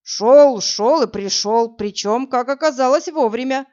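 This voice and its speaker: A woman voicing a cocky, brusque burly man who talks in a hurried, mocking way. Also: high voice, darkish tone, pitched above the performer's own voice. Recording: dull lo-fi audio, faint music.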